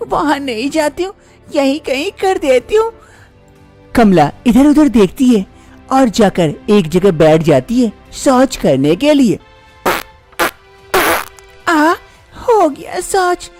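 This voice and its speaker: A woman doing a high, fretful young village bride. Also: sing-song, slow pace, pauses often, mellow, soft background music, heavily acted. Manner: anxious muttering to herself. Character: young village daughter-in-law, fretful and chattering. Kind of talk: animated storybook voice acting.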